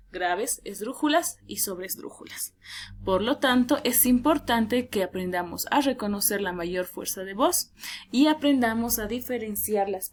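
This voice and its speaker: A woman teacher giving a lesson, explaining clearly and drawing out key words slowly for emphasis. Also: mid-range voice, slight background noise.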